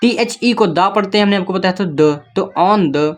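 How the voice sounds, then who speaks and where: A man's voice: high voice, normal speed. A man teaching beginners to read, going letter by letter and checking in with the listener. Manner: patient, spells words letter by letter, keeps checking in with the listener. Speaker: English reading teacher. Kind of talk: step-by-step spoken lesson.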